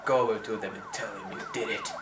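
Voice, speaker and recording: A man's voice: on the low side, huge pitch swings, quick pace, noisy background. A man acting in an amateur comedy sketch as a casual contest judge. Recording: roomy echo, loud music behind.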